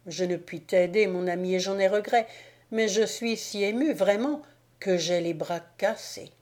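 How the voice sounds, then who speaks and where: A woman reading an audiobook, voicing a softhearted old saint speaking through tears. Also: mid-range voice, unhurried, natural voice. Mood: tearful. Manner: weepy.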